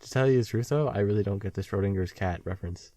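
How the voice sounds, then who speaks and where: Teasing young man, fast and dry. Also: lowish voice, mellow, no room sound. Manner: teasing, quick interjections. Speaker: podcast co-host. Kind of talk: casual chat.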